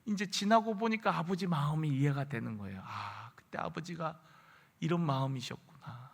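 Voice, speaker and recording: A man's voice: on the high side, lively intonation, moderate pace, creaky, breathy edge. A man preaching a midweek sermon as pastor, telling a story earnestly and rising to emphatic peaks. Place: church sanctuary. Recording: reverberant church hall.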